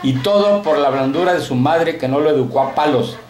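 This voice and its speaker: A man's voice: a little high, brisk, darkish tone, soft background music, lightly acted. A man voicing an exasperated, scolding pious grandmother in her eighties, in an echoey room. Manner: exasperated complaining.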